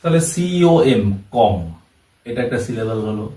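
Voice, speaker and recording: Speaking in a warm, mid-range voice, this male English teacher explains a language lesson in an animated but unhurried way. He goes step by step in classroom style, repeating every term and example. The recording carries a roomy echo, with his voice far from the microphone.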